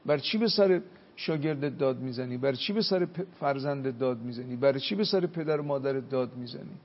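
A man's voice: medium pitch, in a large hall, dull audio. A man, a cleric, giving a religious talk, telling stories and chanting Arabic quotations. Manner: preaching with Arabic hadith quotes, storytelling.

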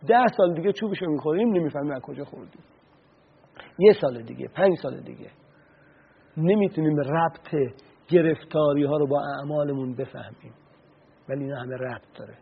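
A man's voice: on the high side, creaky, husky. A man giving an earnest religious talk on the radio, retelling stories and explaining Arabic sayings. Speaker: religious speaker. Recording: tinny phone-like radio sound.

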